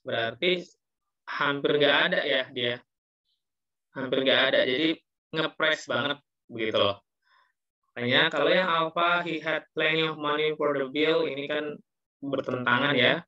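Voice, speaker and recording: Man, English teacher, heavy cathedral-like echo, bright voice, muffled online call audio. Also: mid-range voice. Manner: explains patiently, mixing English phrases, teases students lightly. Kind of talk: online class explanation.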